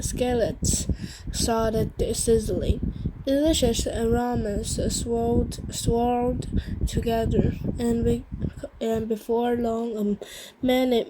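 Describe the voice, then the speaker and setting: A woman's voice: fairly high pitch, background noise. A woman reading a children's novel aloud, stumbling and restarting on harder words. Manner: slow, halting reading with frequent restarts on hard words. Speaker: reader.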